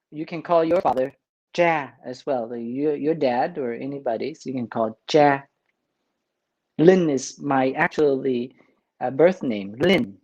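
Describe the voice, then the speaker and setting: Man, priest, very slow pace, chuckles a lot, lots of uh and um pauses, casual cooking demo. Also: mid-range voice, a little mellow, dull audio. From Vietnam. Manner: unhurried, chuckling, many filler pauses.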